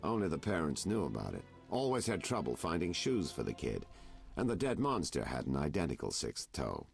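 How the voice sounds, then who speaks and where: An actor playing a world-weary private detective in a video game, with a theatrical, insinuating noir delivery. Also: male voice, rumbling low, wildly swooping pitch, fairly quick, gravelly, faint music behind, exaggerated voice. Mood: grim storytelling. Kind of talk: video game dialogue acting.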